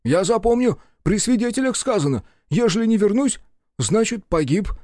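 A shrill young clerk, eager to please but quick to sulk, as a man reads him in an audiobook. His voice is pitched high above the narrator's own and carries loud and keen. The recording is dry and close. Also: sing-song, no room sound. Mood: aggrieved. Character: young male clerk, eager, touchy, grumbling.

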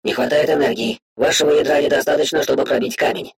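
A man voicing an inner system that makes flat, formal announcements in an audiobook. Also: a little high, fast talker, breathy edge, voice pushed up. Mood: announcing. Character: cold system voice in a boy's head. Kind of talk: audiobook reading.

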